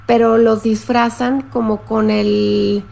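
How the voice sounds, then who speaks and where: Woman with a gravelly voice. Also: fairly high pitch, flat delivery, slow. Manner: warm, explanatory, reads viewer comments aloud. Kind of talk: live-stream talk to viewers.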